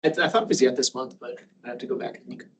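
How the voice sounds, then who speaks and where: A hoarse man, losing his voice, chatting easily before a user group meeting he runs. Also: mid-range voice, animated, racing, fairly bright tone, distant mic, rough recording. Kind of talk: casual chat.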